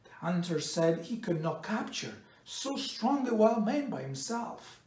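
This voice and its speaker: A middle-aged man with a high-pitched voice reads a picture book aloud in a measured, expressive storytelling style, pausing between phrases. He's indoors in a bright home room by a window, and the distant microphone picks up a roomy echo.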